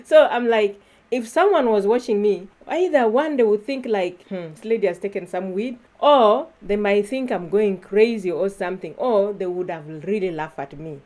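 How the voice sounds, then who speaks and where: A woman's voice: mid-range voice, normal speed, darkish tone. A woman from Uganda, talking casually to her viewers in a vlog, chatty and often laughing. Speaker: YouTuber.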